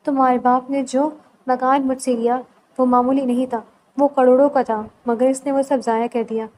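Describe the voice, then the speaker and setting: A woman reading aloud the lines of an earnest young husband in a novel, soft and reassuring. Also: high-pitched, level tone, slight background noise, lightly acted, low-quality recording.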